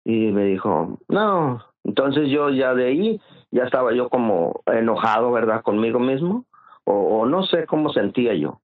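A man, a guest telling his own story in an interview, halting and often repeating words as he goes. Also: medium pitch, expressive. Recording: tinny phone-like line.

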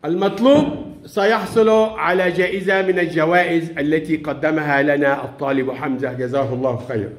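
A male primary school teacher with a lilt, running a classroom lesson and coaxing his pupils with frequent laughs. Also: high-pitched. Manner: coaxing, encouraging, laughs often.

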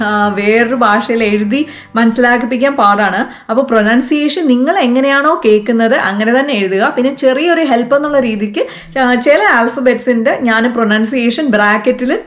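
Chatty Malayali woman teaching kids. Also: fairly high pitch. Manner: chatty, coaxing, asks questions to the viewer. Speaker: vlog host teaching French to kids. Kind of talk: casual lesson for children.

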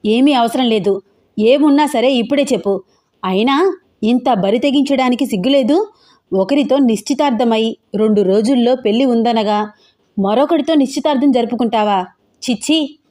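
A haughty middle-aged mother storms through this audio story, shouting and scornful, as a woman narrator puts her on. Her voice sits high and shrill, with a mellow warmth underneath. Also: normal speed, long pauses, natural voice. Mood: shouting scornfully.

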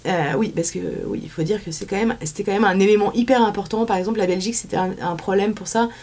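On a small indoor studio set, a thirty-something French woman with a French accent is a casual interview guest who fills her speech with fillers and restarts. She talks fast in a steady, medium-pitched, slightly mellow voice.

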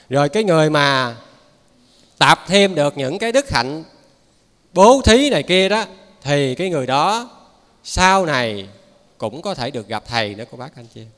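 A man's voice: medium pitch, a bit bright. A man with a Southern Vietnamese accent giving a Buddhist dharma talk as a lay preacher, in a folksy, conversational way with frequent asides to his listeners. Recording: reverberant hall.

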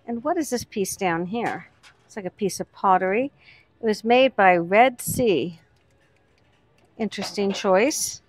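A woman's voice: mid-range voice, expressive, measured pace, long pauses, dry recording. A woman hosting a vlog, chatting casually as she points out items on shop shelves one by one. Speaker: vlog host, reseller. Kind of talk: casual commentary while browsing a shop.

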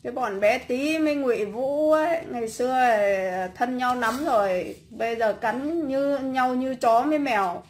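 A woman's voice: sits high, normal speed, hardly any pauses, a little hiss or hum. A woman from Vietnam, ranting bluntly and scornfully on a casual livestream while making cakes at home, with many repeated fillers.

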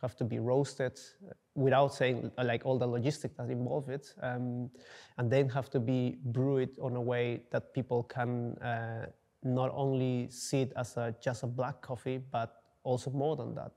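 Young man, interviewee, flat gravelly delivery, hesitant with fillers. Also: mid-range voice, a little slow. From Peru. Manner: searching for words, many fillers and restarts. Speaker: coffee entrepreneur, interviewee. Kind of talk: casual interview answers. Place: dark studio, indoors.

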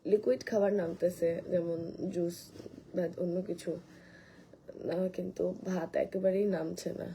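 A woman, hoarse from coughing, rambles casually through a live stream and answers viewer comments. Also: fairly low pitch, fairly even intonation, normal speed, pauses often, warm tone, slight background noise, poor audio. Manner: rambling, restarts a lot, reads commenters' names aloud. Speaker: live streamer selling skin care.

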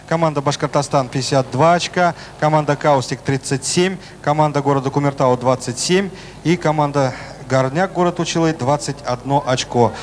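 A man giving live race commentary as a sports commentator in an announcer-like manner. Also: medium pitch. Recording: noisy outdoor track, engine noise behind. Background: motorbike engines and outdoor ambience.

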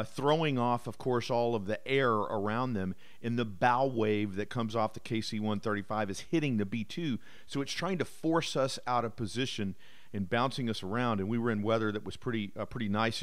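Smooth-voiced man narrating flight footage. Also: on the low side. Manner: easygoing, explanatory, frequent "uh" fillers. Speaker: bomber pilot narrating his flight footage. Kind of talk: voice-over commentary.

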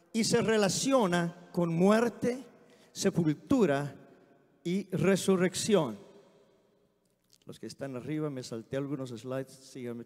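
A man preaching a sermon in a church, telling anecdotes in a lively way and often exclaiming amen. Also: sits high. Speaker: guest preacher. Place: church sanctuary. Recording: long hall reverb.

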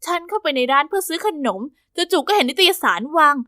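A woman narrating a first-person animated story in an expressive, lively way. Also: very high voice, fast talker, no room sound, studio quality.

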